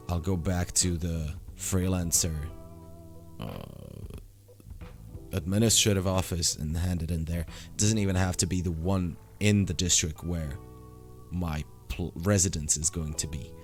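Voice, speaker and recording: Low-voiced young man with a sore throat. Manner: rambling, many fillers and restarts. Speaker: vlogger. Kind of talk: casual daily vlog update.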